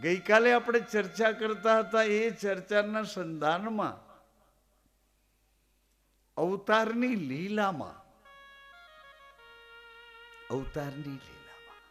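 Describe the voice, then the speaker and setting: A high-pitched man delivers a devotional sermon, telling a story and acting out the characters' calls. The live program recording has faint music behind him. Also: slow pace, pauses often, a bit bright. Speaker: preacher.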